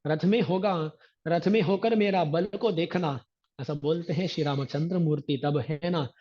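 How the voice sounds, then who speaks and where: Male religious teacher, higher voice, unhurried delivery, chants verses then explains; dull lo-fi recording. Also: warm tone. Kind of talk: scripture discourse.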